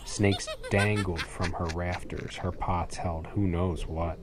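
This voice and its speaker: A storybook reader with a deep voice reads a rhyming children's story slowly, with fairly even intonation and theatrical, dramatic phrasing. Clearly noisy added ambient sound effects, including ambience and animal sounds, fill the background.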